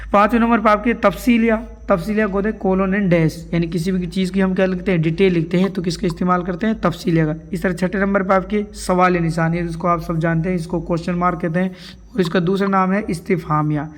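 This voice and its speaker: A man's voice: high-pitched, steady tone, brisk. A man teaches grammar for an exam. He explains while writing on a board, and keeps asking his students questions that he answers himself. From India. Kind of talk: exam-prep grammar lesson.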